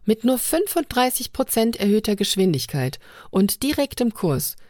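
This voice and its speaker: A woman voicing a sharp-tongued young woman on a starship, speaking in a raised, mocking tone. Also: on the high side, big pitch swings, normal speed, no room sound, clean studio sound, voice pushed up. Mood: earnest.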